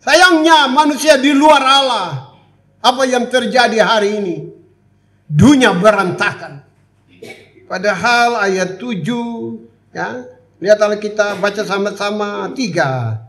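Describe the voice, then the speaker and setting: A middle-aged man, preaching a sermon as pastor and swinging between loud exclamations and hushed asides. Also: high voice, lively intonation, slow.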